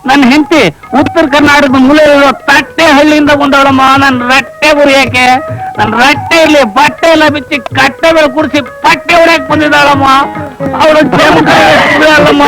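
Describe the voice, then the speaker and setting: Comic film role: a henpecked middle-aged husband, very high voice, theatrical self-pity, soundtrack music behind. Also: male voice, creaky, poor audio. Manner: theatrical self-pitying lament; playful rhyming wordplay. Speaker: henpecked married man. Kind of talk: 1980s Kannada film comedy acting.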